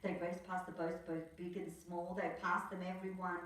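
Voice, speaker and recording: An Australian woman reads a children's picture book aloud like a storyteller, giving the rhymes theatrical emphasis. Her voice is fairly low and level at a normal pace. She sounds distant from the mic in an echoey room.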